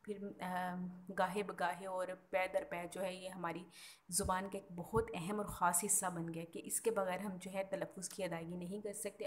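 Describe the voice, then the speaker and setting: A woman teaching a recorded Urdu school lesson, explaining patiently and spelling words out letter by letter. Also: mid-range voice. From Pakistan.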